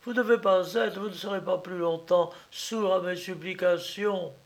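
A distressed middle-aged aunt who reproaches and begs in turn, as a male reader puts her on. The voice sits well above his own and is delivered slowly and dramatically. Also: high-pitched, steady tone, darkish tone, voice pushed up. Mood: imploring. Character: anxious pleading aunt, woman, middle-aged. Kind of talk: audiobook reading.

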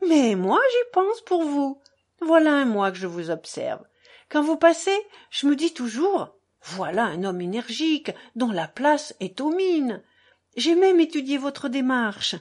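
A high, swooping society lady who gushes and rushes on, never letting anyone finish, as a woman reader puts her on. Her pitch leaps all over the place with breathless, bossy enthusiasm. An audiobook reading. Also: big pitch swings, darkish tone, heavily acted. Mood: triumphant. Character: gushing, domineering society lady, middle-aged.

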